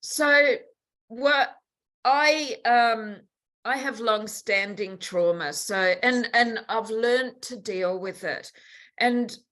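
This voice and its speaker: Woman in her 60s, guest on a chat podcast, blunt and emphatic, goes soft then lively. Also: a little high, slow. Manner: frank and emphatic, swinging between soft and animated. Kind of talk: candid conversational interview.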